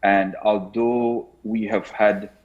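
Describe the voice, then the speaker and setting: A man, a health minister, speaking earnestly in a live interview over a buzzy, glitchy remote call, often pausing with ums and restarts. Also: on the low side, level tone. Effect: buzzy, glitchy remote call audio that cuts out. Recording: muffled, lo-fi remote call line.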